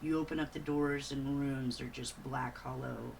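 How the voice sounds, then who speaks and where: Low-voiced woman explaining hesitantly. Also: fairly even intonation, normal speed, vocal fry, darkish tone, slight background noise. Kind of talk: casual chat.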